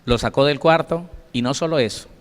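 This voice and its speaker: A man's voice: medium pitch, a little fast. A male pastor teaching a Bible study, telling stories with emphasis and addressing listeners directly. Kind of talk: sermon-style Bible study. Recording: long hall reverb.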